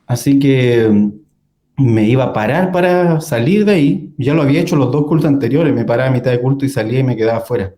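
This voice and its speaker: A young man recounts a personal experience as a guest in a conversation. His voice is warm and dark in tone, and his pitch sits in the middle range. He talks loosely, with many fillers and short laughs. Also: expressive, quick pace. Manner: storytelling with frequent fillers and laughs. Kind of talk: casual testimony in a conversation.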